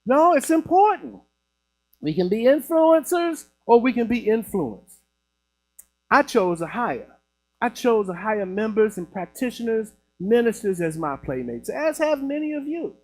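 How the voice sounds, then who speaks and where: A man from Chicago who is a minister, giving an animated, conversational sermon in a church. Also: very high-pitched, unhurried, poor audio. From Chicago, USA. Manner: animated, conversational preaching with laughs. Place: church building.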